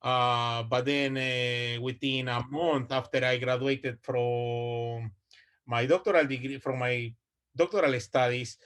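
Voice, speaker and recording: This Ecuadorian man in his 40s, a Spanish native speaker, presents research online over a video call in a medium-pitched, fairly bright voice. He hesitates a lot, with many uhs, fillers and restarts.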